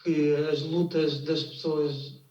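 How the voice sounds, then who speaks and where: A man, an anthropologist guest on a studio talk show, speaking in a measured way with small restarts. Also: a little high, little pitch movement, a little mellow. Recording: roomy, distant and slightly dull sound.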